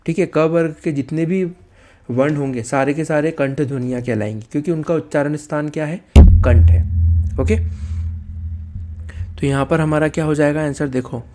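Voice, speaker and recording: A man with a slightly high voice explains an exam-prep lesson. He poses questions and answers them himself, checking in constantly with okay and right. He sounds out letters slowly to show how they are said. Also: mellow, a little hiss or hum. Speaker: teacher.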